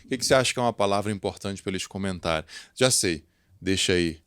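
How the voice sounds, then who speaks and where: A man's voice: sits low, quick pace, a bit bright, clear, resonant tone, no echo, studio quality. A Brazilian man hosting a podcast interview, conversational and affirming. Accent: Brazilian Portuguese. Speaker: podcast host.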